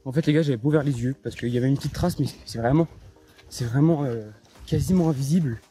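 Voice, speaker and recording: A young man films himself on a mountain trail and talks to his viewers in a loose, rambling way full of fillers and restarts. He sounds tired and low on spirits. It is recorded on a handheld phone out of doors. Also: fast talker, warm tone. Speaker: hiking vlogger. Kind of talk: casual vlog to camera while trekking.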